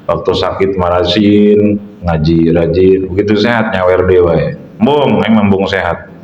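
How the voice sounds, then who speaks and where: Middle-aged preacher, low voice, humorous sermon with Arabic prayers, lo-fi echoey hall recording. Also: male voice, steady tone, measured pace. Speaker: kyai leading an Islamic study session.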